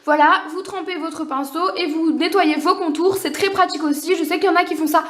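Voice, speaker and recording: Very high-voiced young woman, echoey room. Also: steady tone, a bit bright. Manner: quick, unscripted, full of fillers and apologies. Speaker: nail art vlogger. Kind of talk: casual tutorial talk.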